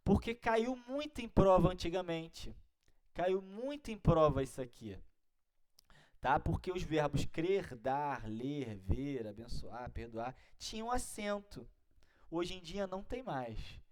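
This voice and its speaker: With a fairly high voice, lively intonation and a slow pace, a man with a Brazilian Portuguese accent leads an exam-prep grammar class. He's instructive, breaking things down step by step and frequently checking in with listeners.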